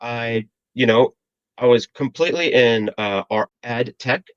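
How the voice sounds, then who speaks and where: A man's voice: mid-range voice, a little slow, clean tone, no echo. Podcast guest, man in his forties from the Philippines, friendly and joking, dry and dull lo-fi sound. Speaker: guest, AI consultant. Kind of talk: casual interview chat.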